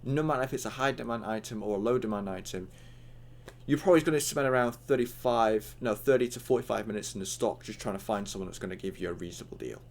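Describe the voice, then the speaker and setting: A man's voice: fairly low pitch, fast, creaky. A young man with hiccups giving a casual, rambling online tutorial, full of fillers and acted-out chat lines.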